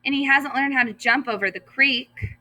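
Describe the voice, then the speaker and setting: A woman's voice: high voice, normal speed, pushed and bright, no room sound, pitched above the performer's own voice. A woman voicing a polite, earnest young schoolgirl from a storybook in a careful, matter-of-fact way.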